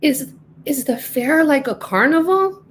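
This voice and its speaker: A woman's voice: high-pitched, animated, unhurried, a little hiss or hum, pitched above the performer's own voice, low-quality recording. A woman voicing a shy twelve-year-old boy in a storybook reading, stammering a little.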